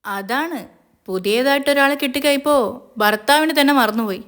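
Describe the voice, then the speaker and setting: A woman's voice: high-pitched, moderate pace, a bit bright, voice pushed up. A woman voicing a male villain who mocks and threatens over the phone. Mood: taunting. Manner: mocking, taunting, threatening. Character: menacing male villain, gloating kidnapper.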